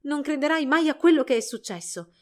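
A woman's voice: high voice, lively intonation, a little fast, pitched above the performer's own voice. A woman doing an evasive young nobleman, stammering. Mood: defensive. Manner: stammering, defensive.

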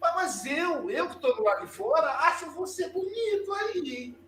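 Teasing old granny, put on by a Brazilian man, pitched well up, sing-song mock praise, roomy distant sound. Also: animated, moderate pace, fairly bright tone. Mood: mock-admiring. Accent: Brazilian Portuguese. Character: teasing elderly grandmother scolding a boy. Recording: roomy distant recording with faint hum.

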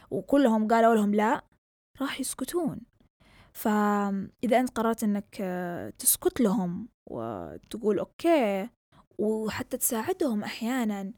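Fast-talking young woman. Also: medium pitch, no room sound, studio quality. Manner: switches between Arabic and English mid-sentence; animated, rhetorical questions. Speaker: vlogger. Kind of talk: casual monologue.

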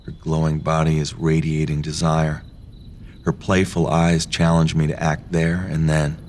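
A man narrating a first-person story in a low, hushed, intimate reading. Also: completely flat delivery, unhurried, a little hiss or hum. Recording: faint music behind.

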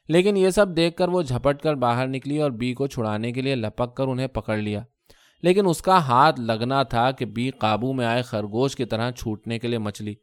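A man narrating a story in a steady, measured reading. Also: mid-range voice, smooth, no echo, clean studio sound.

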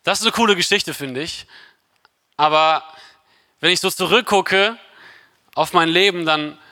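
Lively young male preacher, bright tone. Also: sits high, a little slow, dry recording, studio quality. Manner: lively, conversational, keeps asking "ja?". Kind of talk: casual youth sermon.

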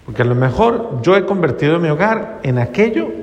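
A male priest giving a conversational sermon, often pausing and restarting, softening his voice when he retells what others told him. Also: a little high, very animated, muffled recording. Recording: long reverb.

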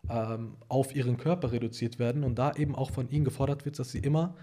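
A man in his twenties chatting casually, pausing to search for words and checking in with question tags. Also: mid-range voice, steady tone, warm tone. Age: 20s. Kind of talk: casual chat.

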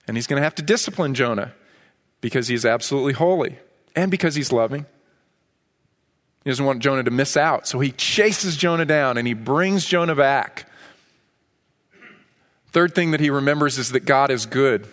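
A man's voice: mid-range voice, moderate pace, long pauses, fairly bright tone, in a large hall. A man preaching a sermon as pastor, emphatic and driving points home by repeating key phrases. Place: church sanctuary.

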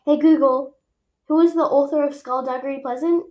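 High-voiced female podcast host, chatty and rambling, casual home setup. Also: steady tone, a little fast, darkish tone. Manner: rambling, chatty, with frequent self-corrections. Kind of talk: casual solo podcast chat. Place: home room.

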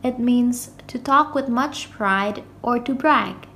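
A woman's voice: a little high, slow pace, sharp tone, slight background noise. A woman hosting a children's podcast, carefully reading a storybook and explaining words aloud.

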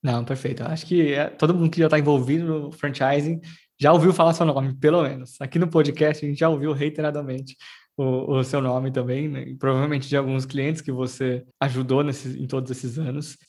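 A man's voice: medium pitch, flat delivery, fairly quick, a little mellow, slightly rough. Upbeat male podcast host. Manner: polished, upbeat presenter delivery. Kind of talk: scripted intro and interview.

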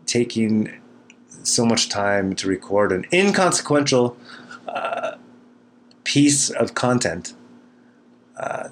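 A man hosting a solo podcast from a cabin, rambling casually in a dry, self-deprecating way. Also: on the low side. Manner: self-deprecating, dryly wry. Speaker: podcast host. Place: small cabin kitchen in the mountains. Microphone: recording into a computer. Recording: noisy cabin room recording.

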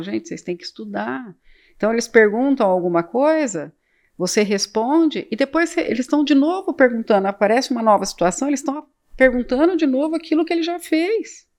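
A woman's voice: fairly high pitch, vocal fry, a little mellow. Chatty Brazilian woman in her fifties. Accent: Brazilian Portuguese, São Paulo interior. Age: 50s. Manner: chatty, repeats words, acts out dialogue. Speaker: real estate agency owner, podcast guest. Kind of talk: casual interview storytelling.

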